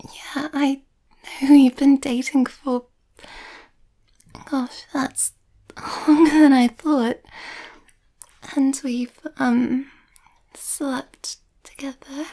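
In an ASMR roleplay, a woman plays a shy young werewolf girlfriend, nervous and tender. Her high, mellow voice is hesitant and often half-whispered, with fairly even intonation, an extremely slow pace and long pauses.

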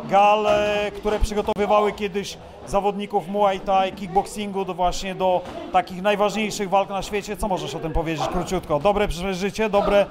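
A man's voice: high voice, level tone, normal speed, few pauses, music in the background. A male interviewer asking friendly, casual questions with fillers, holding a handheld mic in a busy indoor gym. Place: busy indoor fight gym during training. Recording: noisy gym crowd around. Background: crowd of people training.

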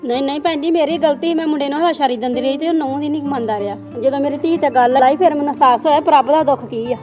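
Domineering mother-in-law, played by a woman, scolding, rapid and high-pitched. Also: muffled recording, music in the background, lightly acted. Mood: remorseful. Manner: scolding, dismissive. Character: domineering mother-in-law who spoils her son. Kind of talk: amateur family drama.

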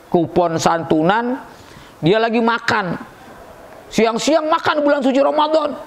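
High gravelly-voiced preacher. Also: male voice. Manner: storytelling with jokes, acts out voices, swings high and loud for emphasis. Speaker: preacher at a school Ramadan program. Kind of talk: humorous Ramadan sermon.

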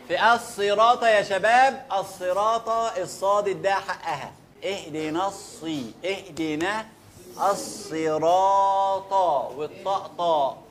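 A man with an Egyptian accent teaching Quran recitation, drilling words slowly and asking listeners to repeat them back. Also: high-pitched, a bit bright. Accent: Egyptian Arabic. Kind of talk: recitation lesson.

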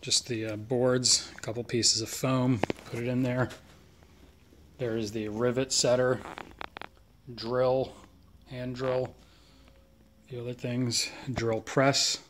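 A man's voice: medium pitch, little pitch movement, takes it slowly, pauses often, noisy background. A man giving a casual tour of his home garage workshop, filmed on a handheld phone, chatting about his tools with plenty of fillers. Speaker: knife maker giving a shop tour. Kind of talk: casual shop tour walkthrough. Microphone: handheld phone camera.

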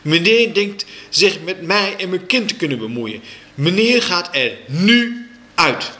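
A man voicing a quarrelsome, dramatic mother who shouts in exasperation. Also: on the high side, sing-song, moderate pace, voice pushed up, heavily acted. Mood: furious.

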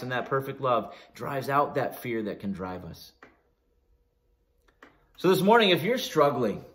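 A man's voice: a little high, a bit bright. A man with a Canadian accent preaching a sermon as pastor, earnest, with frequent restarts and rising emphasis on key phrases.

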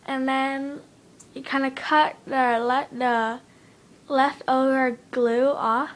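High-pitched young woman, fingers in her mouth, slow chatty how-to, lots of um and like. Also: flat delivery. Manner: chatty, halting, lots of fillers. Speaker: vlogger. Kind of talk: casual how-to tutorial. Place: indoors at home, windy outside. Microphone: device mic.

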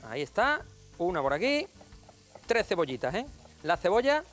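A man's voice: high-pitched, very animated, normal speed, fairly bright tone. A man demonstrating a recipe on a TV cooking show, chatty and playful, joking with viewers. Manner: playful and jokey, addressing viewers as family. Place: TV studio kitchen.

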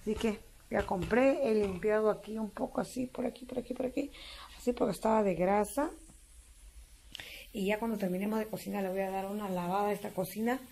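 A woman's voice: mid-range voice, steady tone, brisk, gravelly, dark tone, slight background noise. A woman with a Peruvian accent, chatting homily to her viewers while cooking in a farmhouse kitchen. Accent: Peruvian Spanish. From Peru. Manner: chatty, homey, keeps addressing viewers as friends. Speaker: vlogger. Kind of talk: casual cooking vlog chat. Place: family home kitchen on a farm.

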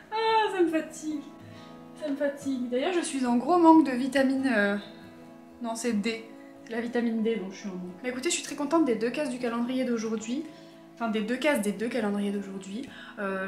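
A woman vlogging to camera, chatty and excitable, her slightly high voice full of little hesitations. The room gives her voice a roomy echo, with soft music running underneath. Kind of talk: casual chat to camera. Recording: echoey room with faint music.

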